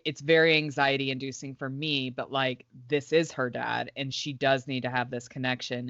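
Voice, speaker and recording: Bright-voiced woman podcast co-host. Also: a bass voice, no room sound. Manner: enthusiastic, many "like" fillers. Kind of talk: casual chat. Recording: dry, slightly dull sound.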